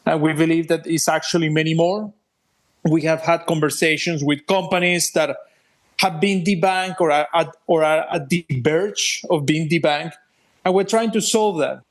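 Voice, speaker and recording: Higher-pitched Venezuelan-accented man. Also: steady tone, normal speed. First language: Spanish. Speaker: interview guest, policy group president. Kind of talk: explanatory interview talk.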